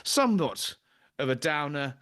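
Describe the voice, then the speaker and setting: A man's voice: fairly high pitch, big pitch swings, a little slow, fairly bright tone. A man hosting a political talk show from Washington, firing off indignant rhetorical questions. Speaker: host. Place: studio in Washington DC.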